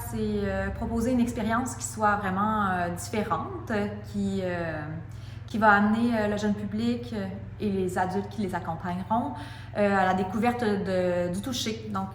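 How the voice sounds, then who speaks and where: A woman's voice: mid-range voice, steady tone, moderate pace, slight background noise. Hesitant woman in a roomy space. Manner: hesitant, many fillers. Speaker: theatre artist in residence. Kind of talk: interview testimonial.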